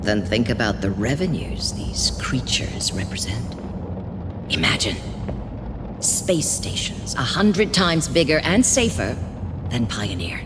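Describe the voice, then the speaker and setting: A woman's voice: deep voice, very animated, noisy background. A woman playing a cold, smug corporate villainess in a video game, condescending and theatrical. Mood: grandiose. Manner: condescending, theatrical, drawn-out delivery. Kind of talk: dramatic video game acting. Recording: long hall reverb, music behind.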